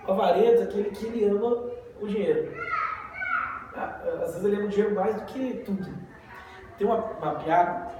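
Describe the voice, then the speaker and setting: High-voiced Brazilian man in echoey hall. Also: fairly quick, pauses often. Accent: Brazilian Portuguese. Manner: conversational, tells jokes, asks rhetorical questions. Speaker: Bible study teacher. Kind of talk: casual Bible study teaching. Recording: very echoey room, mic far off, noisy background.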